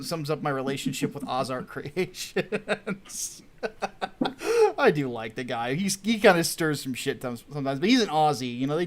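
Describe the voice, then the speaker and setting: A man with a slightly high voice chats on a livestream, excitable and quick to laugh. He swears freely and reads out chat comments. He sounds like he is talking into a desk mic on a video call. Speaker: comic book writer hosting a launch stream.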